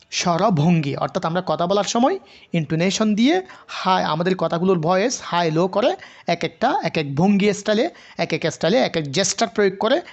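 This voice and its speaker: Lively teacher on a video call. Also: mid-range voice, highs cut off. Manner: reads English definitions slowly, then explains in Bengali; asks the class questions and answers them. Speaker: English teacher. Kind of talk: online class lecture.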